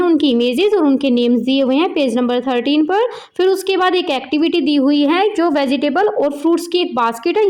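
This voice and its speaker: A woman's voice: high voice, a little mellow. A woman, patiently explaining a children's textbook lesson as a teacher. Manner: slow, patient word-by-word explaining.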